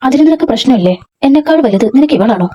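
A woman's voice: sits high, expressive, fast talker, warm tone, a little hiss or hum. A woman reading the lines of an emotional, insistent young woman in a storybook. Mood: angry. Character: young woman pleading then jealous.

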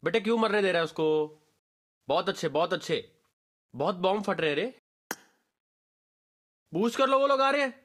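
A high-voiced man performs a game voice pack as a brash, streetwise gamer, barking slangy squad callouts in an animated, bossy way. He sounds excited and urgent, keeps a moderate pace, and leaves long pauses.

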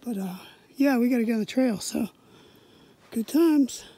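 A woman's voice: fairly high pitch, moderate pace, warm tone, slightly rough. A woman hosting a casual hiking vlog outdoors at a snowy winter campsite, chatty and upbeat. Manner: upbeat, chatty, laughs easily. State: a little out of breath at times. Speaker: vlogger, host of the hiking channel.

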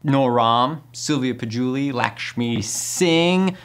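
An actor playing an earnest male job applicant in a comedy sketch, talking deadpan and growing indignant. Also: mid-range voice, slow pace, clear, resonant tone. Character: earnest male job seeker, proud of credentials.

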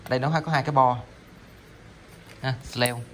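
A man's voice: medium pitch, steady tone, moderate pace, a bit bright. Man, medium voice, casual seller, rambling, stammers and restarts often, light noise behind. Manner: rambling, stammering, lots of fillers. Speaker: online seller of salvage electronics. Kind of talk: casual sales talk while demonstrating parts.

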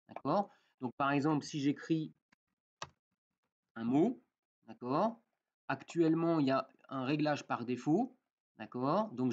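A man walking through a software tutorial in a casual way, with many fillers and frequent "d'accord?" check-ins. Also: on the high side, muffled recording. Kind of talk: screen-recorded software tutorial.

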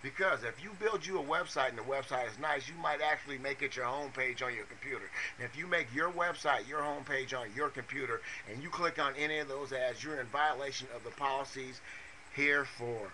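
An agitated man talks quickly into a webcam, pressing his points over and over with the odd curse. His voice is very bright and sharp. A faint hum of room noise sits behind him. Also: mid-range voice, rough recording. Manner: insistent, repeats instructions, swears. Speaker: vlogger giving money-making advice. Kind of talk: fast angry webcam rant. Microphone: webcam mic.

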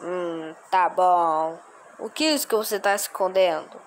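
A woman voicing a strict male schoolteacher who questions slowly and suspiciously. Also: fairly low pitch, a little hiss or hum, voice pushed down, close to an everyday voice. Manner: slow, drawn-out questioning.

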